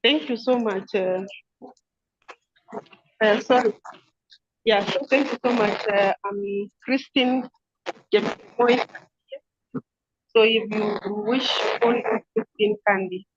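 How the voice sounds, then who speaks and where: A woman's voice: mid-range voice, breathy edge, no room sound. Kenyan woman on a dull video call. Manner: earnest, halting, with many fillers. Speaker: community organization founder. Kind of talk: self-introduction on a video call. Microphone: video call with a weak connection.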